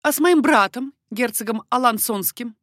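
A woman's voice: a little high, normal speed, fairly bright tone, dry recording, studio quality, voice pushed up, natural voice. A woman reading an audiobook, voicing a proud, impassioned young queen who speaks urgently and commands. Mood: probing.

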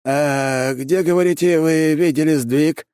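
A man's voice: mid-range voice, expressive, normal speed, dark tone, dry recording, pitched above the performer's own voice, lightly acted. A man playing a cranky old archmage. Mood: haughty, irritable. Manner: haughty, dismissive, panicky when caught out. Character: irritable arrogant old male archmage.

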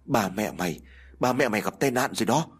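An anxious young man, played by the male narrator, rushes his words in a shaky voice. The delivery is quick and slightly husky, from a spoken ghost story. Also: mid-range voice, big pitch swings. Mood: urgent. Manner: hurried, shaky. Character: anxious young male friend bringing bad news.

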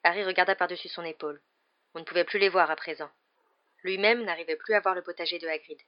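A woman narrates an audiobook with a steady, measured reading in a fairly low voice. The recording sounds dull and muffled.

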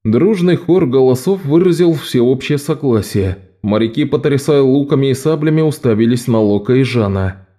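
A man narrating an adventure audiobook in an even, measured reading. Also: mid-range voice. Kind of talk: scripted narration.

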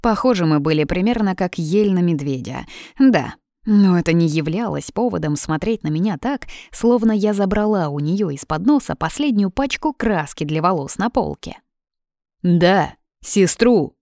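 A woman's voice: on the low side, animated, normal speed, dark tone, dry recording, clean studio sound. A woman reading an audiobook in scripted narration, with a lightly ironic storytelling manner.

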